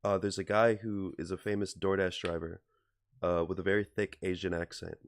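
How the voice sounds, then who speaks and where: A man from Wisconsin co-hosting a casual podcast chat, speaking in a dry, laid-back way and often dropping into quiet, mumbled asides. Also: deep voice, level tone, normal speed. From Wisconsin, USA. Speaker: podcast co-host.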